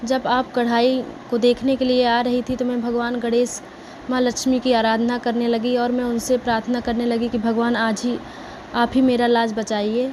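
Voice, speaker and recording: A woman's voice: a little high, completely flat delivery, normal speed, darkish tone, slight background noise, close to an everyday voice. Woman voicing a timid, pleading young daughter-in-law. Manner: fearful, pleading.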